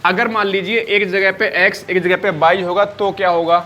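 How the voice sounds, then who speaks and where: A man's voice: high-pitched, fairly even intonation, moderate pace, pushed and bright, a little hiss or hum. A man teaching a live online maths class, repeating each point and checking often whether students follow.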